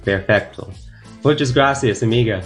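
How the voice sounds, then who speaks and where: A man's voice: medium pitch, a little slow, soft background music. A native English-speaking man chatting casually in non-native Spanish with an American accent, hesitant and searching for words as an interviewer.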